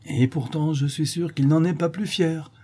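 A man voicing a calm, learned young gentleman who speaks in a measured, erudite way, in an audiobook reading. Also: fairly high pitch, pitched above the performer's own voice, lightly acted. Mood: assured.

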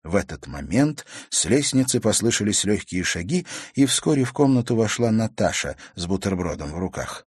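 A man narrating an audiobook in a measured storytelling manner. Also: fairly low pitch, big pitch swings, slightly rough, no room sound.

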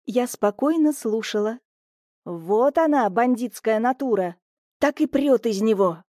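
A woman narrating a first-person audiobook in a lively, mocking manner. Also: on the high side, dry recording, clean studio sound.

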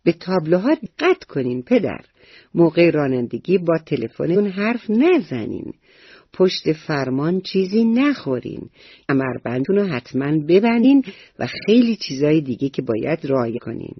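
A woman's voice: deep voice, sing-song, husky, no echo, dull audio, full character voice. A woman storyteller voicing an eager, proud little schoolboy who politely lectures his father about traffic rules, in a bedtime radio story. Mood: earnest.

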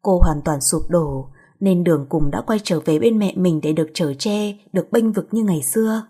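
Low, husky woman reading a story. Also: moderate pace, warm tone. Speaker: narrator. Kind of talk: audiobook story narration.

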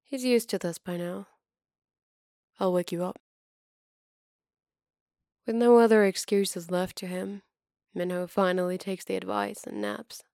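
A woman narrating a fan fiction story aloud in a steady, even way. Her voice is mid-pitched with a gravelly, creaky texture. It is recorded close and dry, with no room echo. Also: normal speed.

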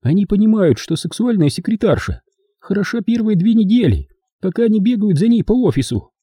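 A man's voice: sits high, big pitch swings, fairly quick, dark tone, husky, no room sound, studio quality, voice pushed up, full character voice. A man voicing a prim, prickly young woman secretary who speaks sharply and indignantly in an audiobook reading.

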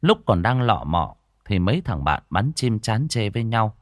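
A man narrating a first-person horror story in an expressive, dramatic way. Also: fairly low pitch, normal speed, no room sound, clean studio sound.

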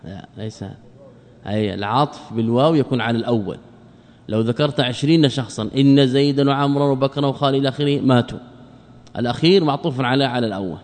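A man teaching a classical religious text in a lesson, explaining slowly, repeating key phrases and quizzing his students. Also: mid-range voice, a little mellow. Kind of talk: classical Arabic study lesson. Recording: long reverb of a lecture hall.

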